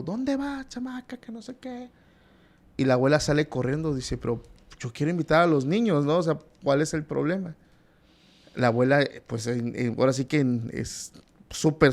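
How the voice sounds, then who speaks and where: A man's voice: mid-range voice, creaky, darkish tone. A man, a podcast guest retelling a horror story in a conversational way with many asides.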